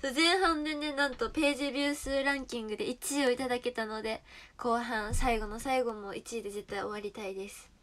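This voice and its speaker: Young kansai girl chatting on her stream, kinda high-pitched, playful, talks right to the viewers. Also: fairly even intonation, fast, a bit bright. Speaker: idol livestreamer. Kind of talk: casual livestream chat.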